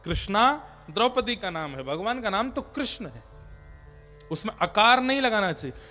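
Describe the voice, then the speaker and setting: A male preacher delivers a devotional sermon, explaining each point with firm emphasis. His voice sits high for a man. Faint devotional music plays under his talk. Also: big pitch swings, moderate pace, sharp tone.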